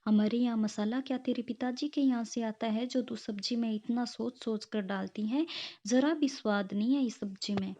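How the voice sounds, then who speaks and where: A woman's voice: on the high side, moderate pace, dark tone, close to an everyday voice. A woman voicing a gullible middle-aged mother-in-law who fawns over the neighbor and scolds her own daughter-in-law, in a storybook reading. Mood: scolding. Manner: scolding, fawning.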